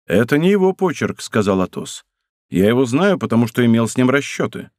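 A man voicing a stern, composed musketeer who speaks in a low, measured way. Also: big pitch swings, darkish tone, no echo, studio quality, close to an everyday voice. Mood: grave. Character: grave older male musketeer, stern and composed.

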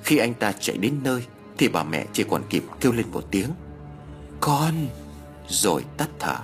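A man's voice: fairly low pitch, expressive, brisk, over music. A man narrating an audiobook story in a dramatic manner. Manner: dramatic, swings into character voices.

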